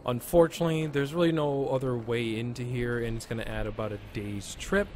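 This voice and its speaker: A man's voice: medium pitch, steady tone, fairly quick, background noise, lightly acted. A man voicing an earnest male adventurer who cautiously advises his party, in his own everyday voice.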